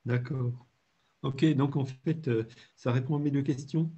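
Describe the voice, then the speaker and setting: Soft-spoken student on a call. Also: male voice, mid-range voice, fairly even intonation, measured pace, slightly rough, dull audio. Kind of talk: asking questions in class.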